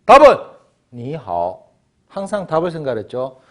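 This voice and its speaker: A man teaching Chinese in a joking, animated lecture style. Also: a little high, a little fast. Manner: animated, joking, acts out little scenes. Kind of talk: lively classroom lecture.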